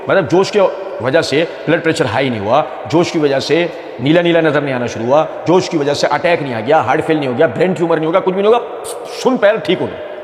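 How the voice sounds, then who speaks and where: A man giving argumentative religious commentary, mocking and repeating phrases for emphasis. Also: a little high. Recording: echoey room with long reverb.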